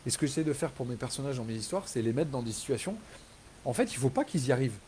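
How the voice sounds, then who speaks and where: A man talking casually and enthusiastically in a live chat with readers, rambling with many fillers and restarts, and growing animated when he retells a scene. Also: mid-range voice, quick pace, slight background noise, low-quality recording. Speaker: author hosting a live reader Q&A.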